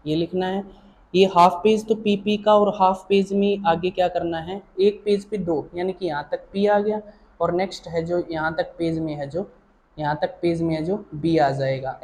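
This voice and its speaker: A male shorthand teacher talks through his lesson in a mellow, soft-edged voice at a middling pitch. He is patient and repetitive, often pausing to check that his students are following. He fondly calls them child or dear, and a faint hiss of noise sits beneath him. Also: low-quality recording. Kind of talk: explaining a lesson.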